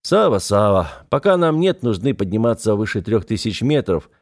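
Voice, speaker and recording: A man's voice: fairly low pitch, sing-song, moderate pace. A man voicing a confident, somewhat dismissive naval officer in an audiobook. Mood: assured. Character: self-assured naval officer, adult man. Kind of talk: audiobook character voice.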